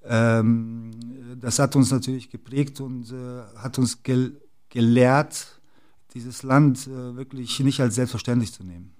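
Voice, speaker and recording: The guest in this casual interview is a middle-aged basketball club executive from the former Yugoslavia. He talks unhurriedly in a slightly mellow, mid-range voice with fairly even intonation, and he leans on fillers and frequent restarts.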